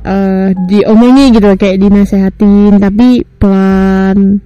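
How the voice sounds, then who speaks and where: A woman's voice: mid-range voice, steady tone, takes it slowly, dark tone, smooth, lo-fi sound, soft background music. A young woman hosting a podcast, chatting casually and laughing often. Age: young adult. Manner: giggly, chatty, frequent laughter. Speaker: podcast host. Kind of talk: casual chat.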